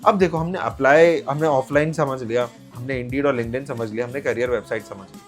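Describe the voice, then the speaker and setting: A man's voice: medium pitch, fairly quick. A young man giving job advice in a casual, direct-to-camera vlog, chatty and often checking in with his listeners. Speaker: vlogger giving job tips. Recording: faint background music.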